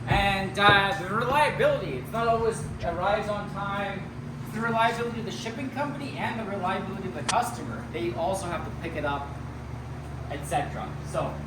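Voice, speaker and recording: A person giving a casual, unscripted walk-through tour of their business, talking informally and rambling as they think aloud. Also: mid-range voice. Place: large echoey rental warehouse and shop. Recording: echoey warehouse, distant mic, clearly noisy background.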